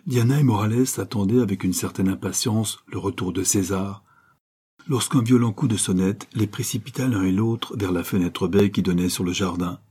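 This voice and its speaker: A man narrating an old adventure novel aloud in a measured, dramatic way. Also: fairly low pitch, warm tone, husky. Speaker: audiobook narrator. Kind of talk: scripted storybook narration.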